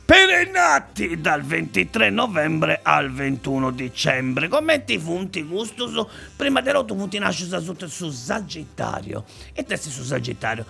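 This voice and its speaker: A man with a very creaky, high-pitched voice rambles comically in Sardinian-accented dialect. He doubles back on phrases and stumbles into restarts, with a bright, pushed tone. Faint music plays behind him. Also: very animated, a little slow.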